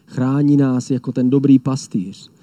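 A man voicing a strong, victorious lion who shouts encouragement. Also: medium pitch, level tone, no echo, close to an everyday voice. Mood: reassuring.

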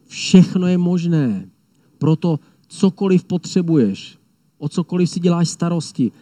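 A man's voice: a little high, lively intonation, no echo, voice pushed up, close to an everyday voice. A man voicing a mighty encouraging lion. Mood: reassuring. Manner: shouting encouragement.

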